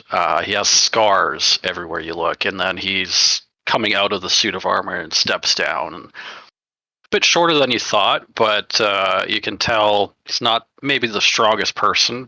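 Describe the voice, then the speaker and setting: Man, deep voice, very bright tone, rambling hesitant narration, dry close sound. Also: dry recording. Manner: rambling, hesitant, many fillers. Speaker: player. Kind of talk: tabletop play and narration.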